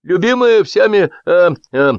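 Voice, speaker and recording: A man's voice: sits high, expressive, a little slow, smooth, no room sound, voice pushed up. Smug and brazen, a man plays a condescending male office subordinate who stretches his words out in a raised voice. The sound is dry and muffled, like an old audiobook. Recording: dull lo-fi audiobook recording.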